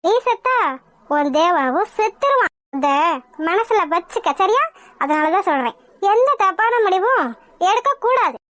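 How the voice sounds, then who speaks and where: A woman's voice: very high-pitched, sing-song, a little slow, a bit bright, no room sound, exaggerated voice. A woman voicing a scheming, cruel middle-aged mother-in-law in a cartoon, mocking and coolly threatening. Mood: menacing. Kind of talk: Tamil cartoon voice acting.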